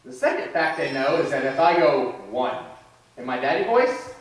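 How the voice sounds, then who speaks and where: Preacher in an echoey church hall. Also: male voice, fairly high pitch, big pitch swings, a little fast, far from the mic. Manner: conversational, with restarts and asides. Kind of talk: sermon. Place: church sanctuary.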